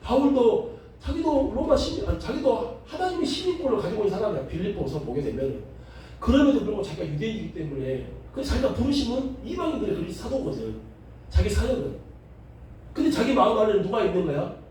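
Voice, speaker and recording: Jeolla pastor teaching a Bible class, high and lively voice, dark tone, heard from far off in an echoey classroom. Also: male voice, quick pace, a little hiss or hum. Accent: Jeolla Korean. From Jeolla, South Korea. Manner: lively, joking, asks the class questions. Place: seminary classroom. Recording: echoey room, recorded from a distance.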